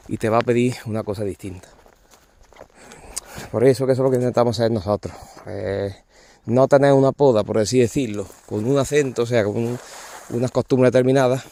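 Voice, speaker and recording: A man's voice: medium pitch, dark tone, a little hiss or hum. A man, explaining olive pruning outdoors in an olive grove, informal and constantly pointing things out to viewers. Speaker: olive pruner. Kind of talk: hands-on field demonstration.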